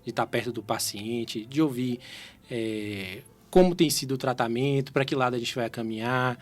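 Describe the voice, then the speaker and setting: A man speaks as a cardiologist guest in a radio interview. He explains slowly and carefully, often checking in with short tag questions and restarting his phrases. His voice sits at an ordinary middle pitch. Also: fairly even intonation. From Salvador, Brazil. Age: 30s.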